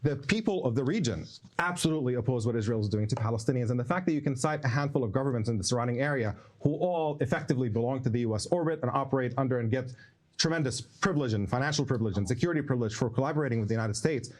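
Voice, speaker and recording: A man's voice: mid-range voice, rapid-fire, a little mellow. A man in his forties from the Middle East, arguing firmly and emphatically in a heated debate. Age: 40s. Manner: firm, emphatic, argumentative. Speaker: debate guest.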